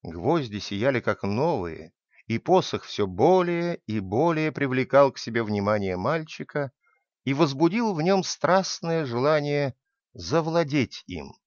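Man reading a storybook out loud, voice goes up and down a lot, dry dull sound. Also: mid-range voice, very animated, measured pace, dry recording. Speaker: narrator.

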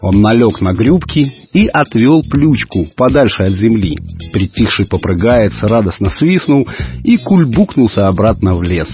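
A man narrating a children's story in an expressive, storyteller manner. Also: fairly low pitch, normal speed. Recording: dull radio recording, faint music.

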